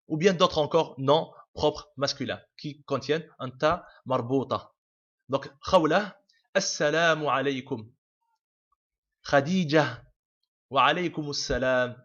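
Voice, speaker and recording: A man's voice: fairly high pitch, fairly bright tone. Patient man teaching, dull lo-fi sound. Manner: explains patiently with many fillers and repeats. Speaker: Arabic teacher. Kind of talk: casual video lesson. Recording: dull lo-fi home recording.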